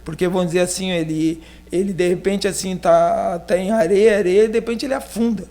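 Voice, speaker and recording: Speaking fairly quickly in a warm, steady, high-pitched voice, this man is a pastor from Rio Grande do Sul in southern Brazil with the region's accent. Being interviewed on a podcast, he tells a personal story in a loose, wandering way packed with filler words.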